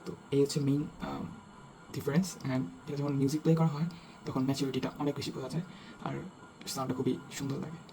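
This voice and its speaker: A man casually explaining a speaker mod step by step, checking in with his listeners and pausing to search for words. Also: mid-range voice, flat delivery, warm tone, poor audio. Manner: talks step by step, checking in with "right?"; hesitant, with searching fillers while judging sound. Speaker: DIY tutorial host.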